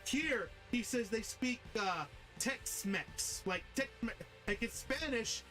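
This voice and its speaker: A man's voice: very high-pitched, expressive, takes it slowly, sharp tone, faint music behind. A man hosting a stream, chatting in a rambling, profane way and calling people bro. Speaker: stream host. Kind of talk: casual chat.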